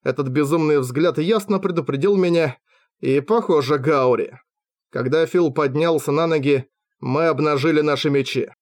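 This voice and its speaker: A man's voice: on the high side, moderate pace. Man reading a fantasy audiobook aloud. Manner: lively first-person storytelling. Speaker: audiobook reader.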